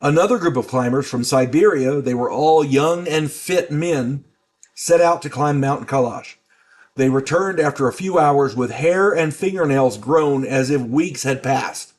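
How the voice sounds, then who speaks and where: An older man hosting his own channel, talking in a rambling, halting way with grumbling asides. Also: medium pitch. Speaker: channel host. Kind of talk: casual monologue.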